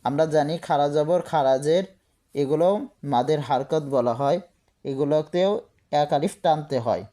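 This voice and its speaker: A man's voice: on the high side, moderate pace, warm tone. A man teaching Quran recitation, spelling out each letter and vowel and repeating every word several times. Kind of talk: slow spelled-out recitation lesson.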